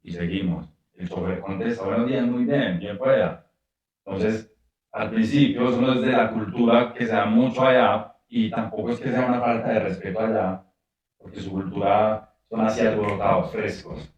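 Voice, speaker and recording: Low-voiced Colombian man, very echoey. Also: steady tone, moderate pace, recorded from a distance, muffled recording. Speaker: guest. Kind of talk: casual conversation.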